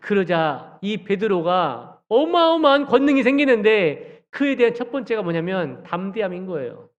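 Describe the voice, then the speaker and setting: A man's voice: sits high, normal speed. A man preaching a sermon in a church, questioning his listeners and acting out quoted lines. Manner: animated, acts out quoted dialogue, asks the congregation questions. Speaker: junior pastor. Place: church sanctuary. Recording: dull church hall recording with long reverb.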